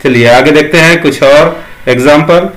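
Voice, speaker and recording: A man teaching English pronunciation in a slow lesson, saying single sounds and words one at a time in drills. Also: on the high side, a bit bright.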